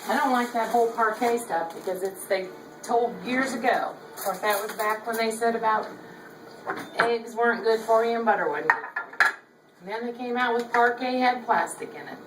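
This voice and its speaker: A woman's voice: fairly high pitch, moderate pace. An older woman with a Southern accent, chatting folksily through a home cooking demonstration in her kitchen, filmed by her son. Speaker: cooking show host. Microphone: camera held by her son. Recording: echoey room, distant camera mic, background noise.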